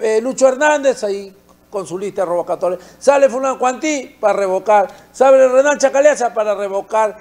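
Brief: high-pitched Peruvian male opinion host, indignant, fond of rhetorical questions. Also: darkish tone. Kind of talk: political commentary.

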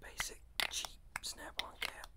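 An American man in his thirties whispers an informal ASMR product review close to a desktop microphone. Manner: slow, unhurried, informal whispering. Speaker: fragrance reviewer and ASMR host. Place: small indoor room with shelves of bottles. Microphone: close desktop condenser microphone.

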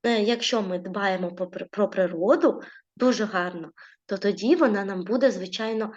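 Gentle woman teaching young children. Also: medium pitch, moderate pace, muffled recording. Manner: gentle, uses diminutives, frequent checking "так?". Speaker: primary school teacher. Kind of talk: classroom lesson narration.

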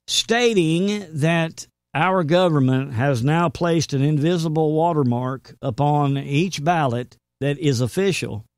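A man's voice: on the high side, takes it slowly, hardly any pauses, dry recording. Emphatic preaching man, dry sound. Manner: earnest, emphatic, quotes scripture. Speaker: preacher and show host. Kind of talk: sermon-style commentary.

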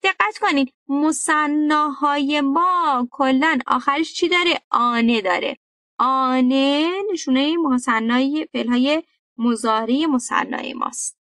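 A woman with a Persian accent teaches a grammar lesson in a bright, higher voice, lively and emphatic, reciting verb forms one after another. The sound is dry, with the mic set a little away from her. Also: no echo, far from the mic. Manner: lively and emphatic, addresses students directly, recites verb conjugations. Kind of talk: online video lesson.

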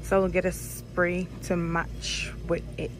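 Over music, a woman vlogs her trip down a store aisle on a handheld phone camera, chatting and thinking aloud with frequent repetition. Her low-leaning voice stays level in tone and comes a little slow.

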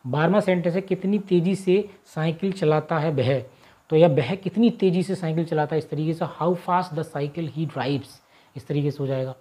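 A man teaching a grammar lesson, patiently repeating his example sentences and saying them slowly and drawn out before explaining them more briskly. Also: a little high, warm tone.

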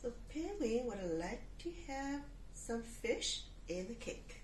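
A woman's voice: on the high side, sing-song, slow. A woman reading a picture book aloud with props, playful and talking to young listeners. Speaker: storyteller. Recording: roomy, distant mic, faint hiss.

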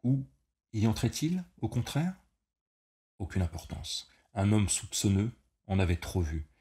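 A man reading a novel aloud as narrator, in a slow, measured, dramatic delivery. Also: fairly low pitch, sing-song, mellow. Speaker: audiobook reader. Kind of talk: scripted narration.

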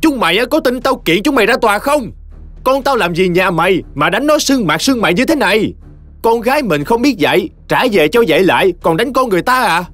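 A shrill, scolding mother-in-law, put on by a male narrator, hurling abuse in a high voice that swings wildly up and down. She sounds spiteful and relentless, and soft music plays under her. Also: animated, brisk, no echo. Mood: screeching abuse. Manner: screeching, scolding, insulting.

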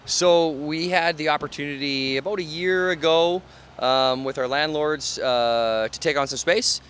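A man's voice: fairly high pitch, unhurried, a bit bright. Bar owner guy in his 30s, easygoing, lots of um and you know, handheld mic, faint noise behind. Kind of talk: casual on-site interview. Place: outdoors on a street, then inside a large bar and bowling hall. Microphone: handheld reporter mic.

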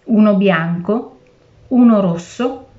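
A woman narrating a fairy tale in a calm, measured reading style. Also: medium pitch, dull audio. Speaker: storyteller.

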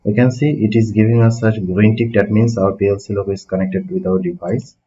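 Low-voiced man explaining, step by step. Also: steady tone, brisk, mellow. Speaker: automation instructor. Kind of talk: screen-recorded technical tutorial. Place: small room at a desk. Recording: dull lo-fi home recording.

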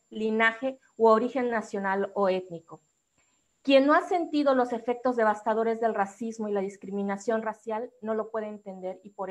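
A woman with a Mexican accent, speaking as an activist on a discussion panel, gives a prepared, formal talk in a measured and articulate way. Her voice sits a little high.

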